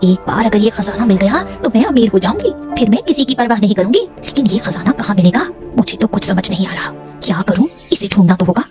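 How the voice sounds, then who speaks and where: A woman voicing a sharp-tongued, scheming sister-in-law in a cartoon, taunting and scolding. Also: mid-range voice, expressive, fast talker, few pauses, lightly acted. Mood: greedy. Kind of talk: cartoon voice acting. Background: background music.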